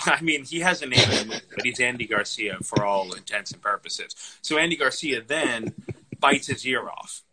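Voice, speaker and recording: A man's voice: medium pitch, sharp tone, poor audio. A man co-hosting a podcast, chatting casually about a film, rambling with lots of fillers and laughing often, tired from lost sleep. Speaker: podcast co-host. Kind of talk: casual movie chat.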